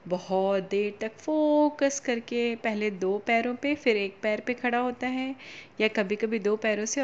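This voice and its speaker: A woman's voice: fairly high pitch, muffled recording, a little hiss or hum. A woman telling a fable to children, stopping to explain things and ask them questions. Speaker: storyteller for children. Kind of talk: storytelling to children.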